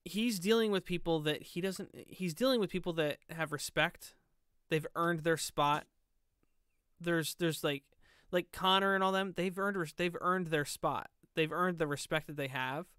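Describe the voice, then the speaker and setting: A man with a smooth, clean voice riffs sarcastically on clips during a casual reaction show. The sound is close and dry, with no room behind it. He gets loud when something strikes him as absurd. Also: high-pitched, no echo. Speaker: co-host reacting to videos.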